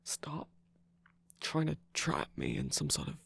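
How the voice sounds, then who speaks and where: A performer voicing a sarcastic, scheming male cookie jester in an ASMR roleplay, talking in a breathy whisper, dismissive and teasing, sighing and laughing often. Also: medium pitch, wildly swooping pitch, unhurried, no echo, exaggerated voice. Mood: defensive.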